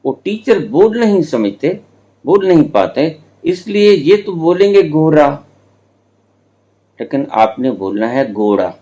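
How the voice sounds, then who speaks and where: A man in his seventies giving a spiritual discourse, telling stories slowly with drawn-out words and playful teasing. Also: a little high, big pitch swings, mellow, lo-fi sound. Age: 70s. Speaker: spiritual teacher.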